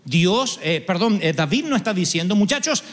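A man preaching a sermon as pastor, an expressive storyteller who acts out the dialogue. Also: sits high, moderate pace. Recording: long hall reverb.

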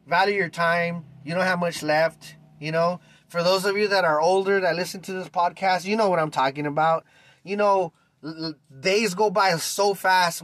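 A man's voice: high-pitched, a bit bright, no room sound. Male podcast host, ranting style, dry close sound. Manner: ranting, fired up, many "you know"s. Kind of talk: casual monologue.

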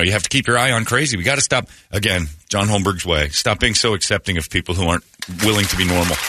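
A man's voice: lowish voice, noisy background. A man hosting a radio talk show, giving blunt, opinionated rants in casual studio chat.

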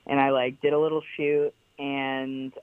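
Speaking at a measured pace in a level tone, a young woman with a powerful bass voice chats casually on a podcast. She is the guest and the founder of a clothing brand, and she comes across as talkative and emphatic, saying "like" constantly. Her recording is dry and sounds tinny, as if over a phone line.

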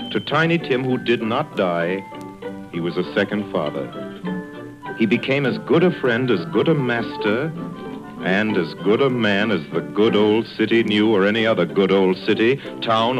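A man with a fairly low voice narrates and hosts in a measured, formal style. The sound is muffled and lo-fi, like an old radio show. Faint music plays behind him. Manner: measured, stately delivery.

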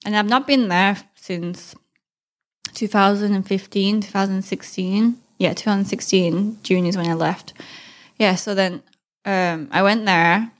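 A woman's voice: mid-range voice, fairly even intonation, unhurried. A woman with a mixed Thai-English accent chats casually as a solo podcast host, candid and informal in a rambling way. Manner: candid, informal, rambling, with frequent slang and mild swearing.

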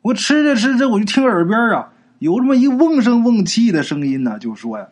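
A man narrating a folk ghost story in a colloquial, animated way with drawn-out particles. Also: very high-pitched.

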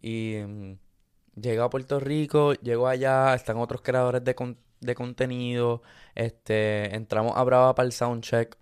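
A man, a content creator and co-host, telling a story in a relaxed, rambling way full of fillers and restarts. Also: mid-range voice, a little slow, clean tone. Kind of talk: casual storytelling chat. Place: studio in Miami.

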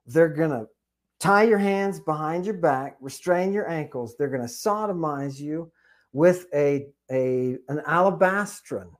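A man talking as a podcast guest, animated, with many fillers and questioning "right?" tags. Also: a little high, a little slow. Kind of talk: conversational podcast discussion.

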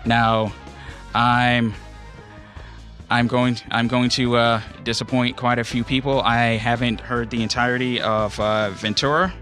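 Male radio host, natural unscripted delivery, informal and loose, crisp bright edge, faint music bed underneath. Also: medium pitch, flat delivery, unhurried. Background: background music.

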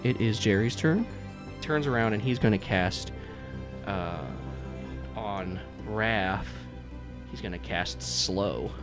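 A man with a lowish voice speaks slowly as game master, narrating a tabletop game in an informal, improvised way and chuckling frequently. Music plays behind his voice.

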